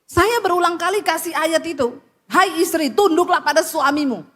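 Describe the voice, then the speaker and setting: A woman pastor preaching a sermon in an animated, blunt and scolding way, often dropping her voice low to act out the people she quotes. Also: normal speed. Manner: blunt, scolding address to the listeners.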